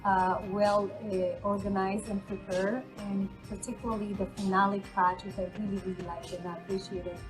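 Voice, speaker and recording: Flat-voiced woman in a testimonial. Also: medium pitch, music in the background, rough recording. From Ethiopia, raised in Israel. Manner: measured, slightly hesitant. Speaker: community board member. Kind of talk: recorded testimonial.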